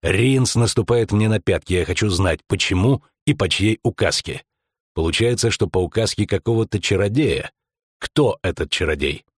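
A terse, weary monster hunter, played by a man in an audiobook. His voice is very deep with a husky grain, and he speaks in short, blunt phrases. It sounds close and dry. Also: lively intonation, normal speed, dry recording. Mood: curt. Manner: curt, blunt, clipped. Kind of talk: audiobook acting.

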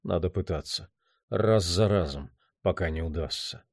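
Man reading a brooding, despairing man, low hushed voice, quiet, dry close recording. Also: moderate pace, gravelly, no echo.

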